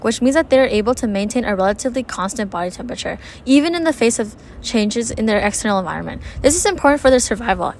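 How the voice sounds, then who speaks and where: Fast-talking woman narrating a nature documentary. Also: a little high. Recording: faintly noisy ambient background.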